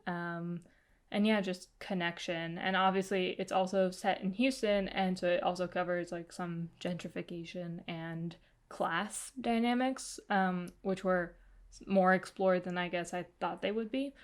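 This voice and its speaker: A woman's voice: lowish voice, clean tone. A young woman casually reviewing books she read, chatty and full of "like" and "um". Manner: chatty, lots of fillers and "like". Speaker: book vlogger. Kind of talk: casual book review chat.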